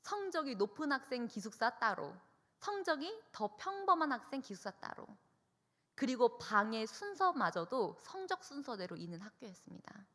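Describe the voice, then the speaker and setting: A young woman youth minister giving an emotional testimony sermon, telling her story with animated, expressive delivery. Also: fairly high pitch, long reverb tail. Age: young adult. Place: church hall.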